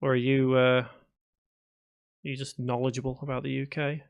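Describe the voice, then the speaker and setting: A gravelly, medium-pitched male voice comes through a muffled recording, level in tone and moderate in pace. The speaker, a thirtysomething game development streamer from Liverpool with a Scouse accent, reads chat aloud on a live stream and responds casually, with fillers and restarts.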